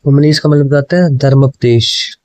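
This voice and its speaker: A man's voice: medium pitch, normal speed, a little mellow, no room sound, rough recording. Guy doing exam prep, keeps saying thik hai, dry close mic sound. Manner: mixes Hindi and English, repeats answers, keeps asking "ठीक है?". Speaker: exam coaching teacher. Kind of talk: explaining exam questions.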